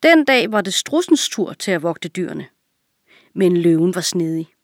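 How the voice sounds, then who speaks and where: A woman calmly and clearly reading a fable aloud for children. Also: lowish voice, no room sound, studio quality. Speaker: reader.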